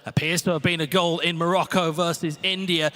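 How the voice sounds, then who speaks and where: A man giving live play-by-play commentary on an esports football match, rising to shouts when goals go in. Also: on the high side, little pitch movement, brisk, no echo.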